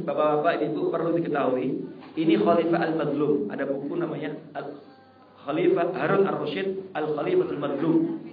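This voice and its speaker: A man preaching to a congregation, his voice a touch high for a man and sharply animated as he tells a story, shouting quoted pleas. The recording picks him up from a distance in a roomy hall, dull and lo-fi. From Indonesia. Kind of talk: sermon.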